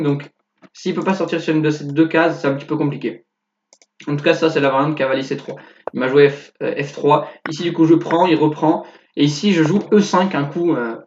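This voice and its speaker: A young man casually commenting on one of his own chess games, thinking aloud with fillers and quick self-corrections. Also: on the high side. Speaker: chess youtuber analyzing his own game. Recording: echoey, dull lo-fi sound.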